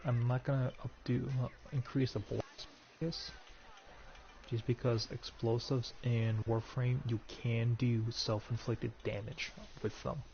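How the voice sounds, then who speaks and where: A man's voice: mid-range voice, level tone, measured pace, vocal fry. A man streaming a video game, talking casually and jokily as he plays. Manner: chatty, rambling, jokey. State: has the hiccups. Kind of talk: casual gameplay commentary. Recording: dull lo-fi mic with noisy background.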